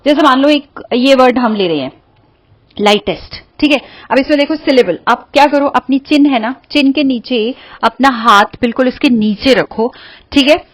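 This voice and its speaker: A woman teacher explaining a grammar lesson in a patient, step-by-step way. Her voice sits a little high, and she often asks a question and then answers it herself. The recording is dry and close, with no room sound. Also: moderate pace, no echo. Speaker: English teacher.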